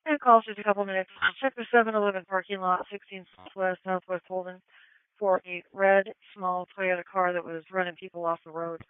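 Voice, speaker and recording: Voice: medium pitch, little pitch movement, brisk, smooth, no room sound. A person speaking in clipped, procedural phrases over a police radio transmission. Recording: tinny narrowband two-way radio.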